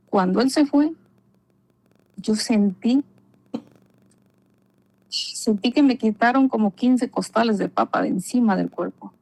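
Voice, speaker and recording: A woman's voice: on the high side, creaky, a little mellow, poor audio. A woman giving an earnest personal religious testimony, repeating herself and often calling the listener brother. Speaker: guest giving a faith testimony.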